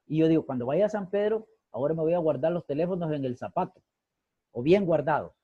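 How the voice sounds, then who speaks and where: Husky teacher lecturing online. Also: male voice, fairly high pitch, animated, quick pace, no room sound, muffled recording. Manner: asks rhetorical questions and repeats key phrases. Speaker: sociology teacher. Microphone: video call.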